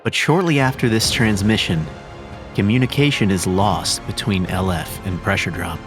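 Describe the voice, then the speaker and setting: Male narrator for a scripted documentary, low pitch, clear music behind. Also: normal speed.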